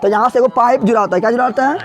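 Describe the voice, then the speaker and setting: A man's voice: extremely high pitch, very fast, soft background music. A man teaching a class, drilling students by asking each question and then repeating the answer several times, in plain everyday speech. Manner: colloquial, with regional Bihari turns of phrase. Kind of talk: classroom lecture with call-and-response drilling. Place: classroom with a board.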